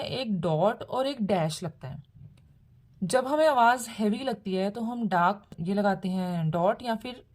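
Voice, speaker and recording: Patient woman teaching shorthand in Hindi. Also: medium pitch. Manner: patient, explains in plain Hindi with English terms mixed in. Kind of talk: video lesson explaining step by step.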